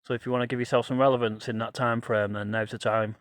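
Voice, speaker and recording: A man's voice: medium pitch, level tone, fast, no room sound. A man narrating a casual ghost-hunt vlog as a paranormal investigator, musing aloud to himself and to spirits. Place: outdoors on a path at night.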